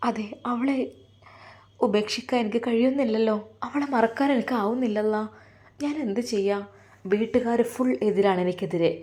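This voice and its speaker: A woman voicing a heartbroken, torn young man, speaking softly and sorrowfully. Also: medium pitch, close to an everyday voice. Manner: soft, sorrowful inner monologue.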